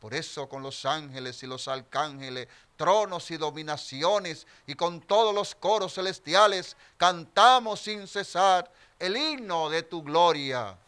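A man's voice: fairly high pitch, measured pace, few pauses, fairly bright tone, clear, resonant tone. A middle-aged man, a priest, celebrating mass in a small chapel with solemn liturgical delivery, speaking into a stand mic at the altar.

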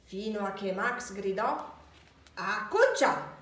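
Woman library reader, picture book aloud, very slow and high, echoey room, mic far off. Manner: slow, deliberate storytelling.

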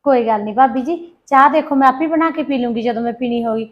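A woman's voice: high-pitched, fast, highs cut off, close to an everyday voice. A woman playing a kind, reassuring young law student. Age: young adult. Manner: reassuring, friendly, soothing. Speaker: daughter in a family short film. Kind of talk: amateur family drama acting.

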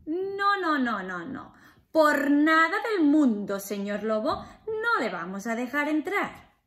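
Little storybook pigs, small and easily scared, who squeak and plead in very high voices. They stammer and beg in a trembling way, as a woman storyteller puts them on. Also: sing-song, slow, a bit bright, exaggerated voice. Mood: defiant.

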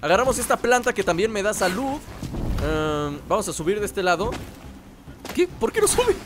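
A man giving excited let's play commentary, teasing and shouting in bursts. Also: high-pitched, normal speed, noisy background. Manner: excitable, loud outbursts, teasing, sings along. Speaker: gamer.

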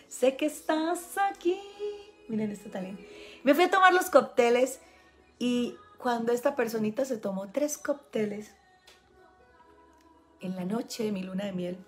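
A woman with a Medellín Colombian accent, telling a personal story to her online audience in a chatty way and laughing often. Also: medium pitch. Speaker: spiritual healing coach.

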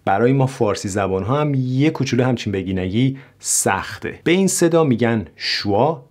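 A man teaching English pronunciation in a video lesson, modeling words clearly and repeating them slowly. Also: medium pitch, a little mellow.

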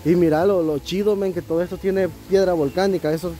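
A man's voice: high-pitched, fairly even intonation, fairly quick, dark tone, soft background music. A man with a Salvadoran Spanish accent hosting a casual travel vlog outdoors, chatty and enthusiastic. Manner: chatty, enthusiastic, laughs often. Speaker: vlogger host. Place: outdoor riverside restaurant.

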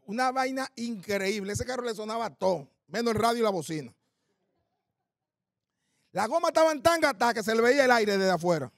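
A man's voice: extremely high pitch, expressive, brisk, gravelly, dry recording, studio quality. A man with a Dominican accent doing stand-up comedy, telling punchy stories laced with coarse slang and quizzing the audience. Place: live comedy stage.

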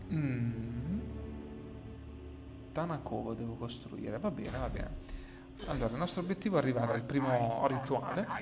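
Man in an echoey small room. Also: mid-range voice. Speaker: gaming YouTuber. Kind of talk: casual gameplay commentary. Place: small room emptied of furniture, indoors. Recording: echoey small empty room, clear background noise.

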